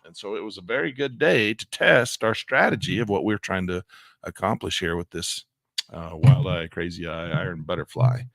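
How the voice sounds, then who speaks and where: In a low, gravelly voice at normal speed, a man hosts a live screen-share trading session with no room sound. He rambles and corrects himself while walking through charts, excited about the market, his voice congested from allergies and a cold.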